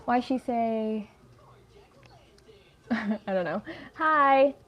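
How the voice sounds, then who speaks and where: Chatty woman, slightly high voice. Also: drawn-out words, a bit bright. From United States. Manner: chatty and rambling, lots of "like", easily sidetracked. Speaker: livestream host. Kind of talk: casual chat while crocheting.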